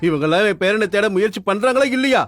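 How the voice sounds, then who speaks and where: A man's voice: high-pitched, lively intonation, quick pace. Furious old grandfather. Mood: angry. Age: older. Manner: gruff, shouting complaints. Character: grumpy rich old grandfather, hospital patient. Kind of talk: dubbed drama.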